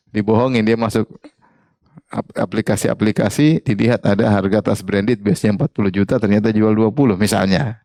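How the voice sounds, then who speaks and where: A male Islamic preacher giving a religious study lecture, often putting questions to the audience and repeating key phrases in a lively, joking teaching tone. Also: mid-range voice, no echo.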